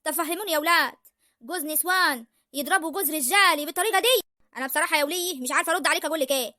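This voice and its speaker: A woman playing a sharp-tongued rural mother of the brides in a comic village sketch, with a rural Egyptian accent, scolding and arguing. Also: high voice, dry recording, clean studio sound. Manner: scolding, argumentative, fast.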